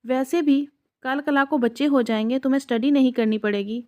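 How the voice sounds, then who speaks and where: A short-tempered young husband snaps and scolds in gruff, clipped lines, voiced by a woman narrator. The voice stays fairly high, just pulled slightly down for him. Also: fairly even intonation, mellow, close to an everyday voice. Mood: irritated scolding.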